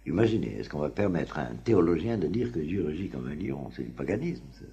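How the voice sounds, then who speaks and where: Husky man giving a rambling lecture. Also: low voice, very animated, dark tone, dull audio. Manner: halting, many fillers and restarts, chuckles often. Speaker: Talmud teacher. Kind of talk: informal lecture to a class.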